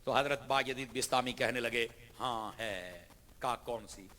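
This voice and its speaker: A man preaching a sermon to a gathering. He tells stories and speaks straight to his listeners, at times dropping soft and at times rising to a shout. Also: mid-range voice. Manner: impassioned, swings from soft to shouted; addresses the audience directly. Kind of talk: Urdu sermon with storytelling. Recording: long hall reverb.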